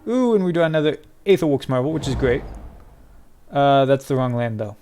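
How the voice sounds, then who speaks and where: Excitable man doing gameplay commentary. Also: mid-range voice, a little fast, clear, resonant tone. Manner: excitable, swings from mutters to loud cries and laughter. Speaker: gaming video creator.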